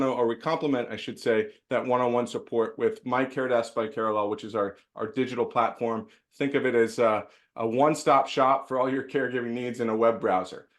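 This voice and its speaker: A man hosts a caregiving webinar in a casual, friendly way, with lots of fillers and small restarts. His voice sits at a middle pitch. He is heard over a video call. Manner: chatty, many fillers and restarts. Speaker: host.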